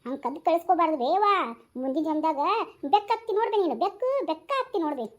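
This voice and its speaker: A woman's voice: extremely high pitch, lively intonation, fast talker, darkish tone. A woman doing a cheeky North Karnataka kid sister. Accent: North Karnataka Kannada. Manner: sassy, teasing, talks back. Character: cheeky teenage younger sister, quick-tongued. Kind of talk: homemade village drama.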